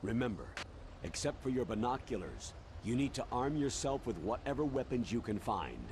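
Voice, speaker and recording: A man's voice: medium pitch, very animated, normal speed. A man voicing an authoritative, earnest colonel giving a military briefing in a video game. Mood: grave, businesslike. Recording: clear background noise.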